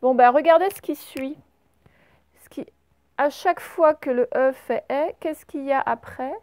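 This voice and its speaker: A woman with a French accent, a primary school teacher giving a slow, patient spelling lesson to young pupils and stretching out the example words. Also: sits high, darkish tone, no room sound.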